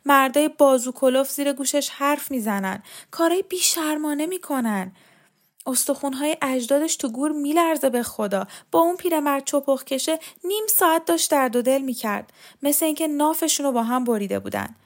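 A woman's voice: sits high, voice pushed up, lightly acted. A woman voicing a frightened, guilt-ridden spinster aunt who pleads and rails in an agitated, self-reproaching way in a storybook reading.

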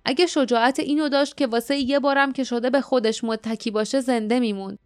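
A woman's voice: high-pitched, fairly even intonation, no echo, clean studio sound, lightly acted. A woman voicing a fierce, scornful young girl. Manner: harsh, scornful, quick-tempered. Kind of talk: audiobook character voice.

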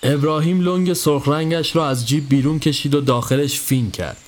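A man giving a scripted narration of a horror story in a steady storytelling voice. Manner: steady storytelling, dropping low for tense moments. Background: faint music.

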